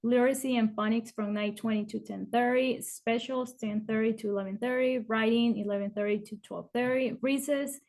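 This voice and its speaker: Presenting a school info video, an Ecuadorian woman who teaches kindergarten introduces herself and quickly lists the daily schedule and math topics, saying uh often. Her voice is on the high side, a little mellow, with fairly even intonation.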